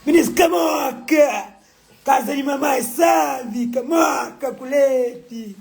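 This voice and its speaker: A man, singing and rapping over a beat in drawn-out lines with shouted refrains. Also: very high voice, vocal fry, echoey room, faint music behind. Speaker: rapper.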